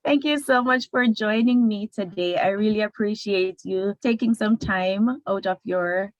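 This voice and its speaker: Give me a woman from Jamaica with a Jamaican accent, hosting an interview. She speaks at a mid pitch in an upbeat, encouraging way, and the recording is dry, with no room sound. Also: a little slow, no echo, dull audio. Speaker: host.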